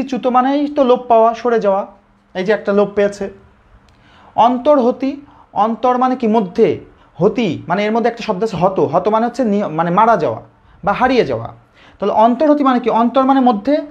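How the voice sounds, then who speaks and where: A male teacher with a Bangladeshi Bengali accent leads a live online grammar lesson, posing questions and then answering them himself. His voice is very high and a little mellow, and the lo-fi audio sounds slightly dull.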